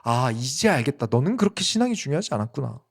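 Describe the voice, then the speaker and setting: A man's voice: mid-range voice, very animated, fast, gravelly, husky, exaggerated voice. A man voicing an aging patriarch speaking earnestly to his son, as part of a sermon.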